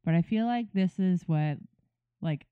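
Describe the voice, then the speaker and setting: A woman's voice: lowish voice, measured pace, smooth, no echo. A woman co-hosting a podcast, chiming in casually and finishing her partner's sentences. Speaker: podcast co-host. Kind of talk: casual chat. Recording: tinny phone-like sound.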